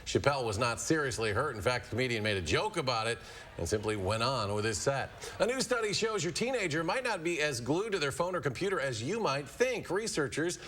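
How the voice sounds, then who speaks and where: A man's voice: medium pitch, big pitch swings, a little fast, fairly bright tone, slight background noise. An American man anchors a television newscast, reading scripted stories in a mid-range voice. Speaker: TV news anchor.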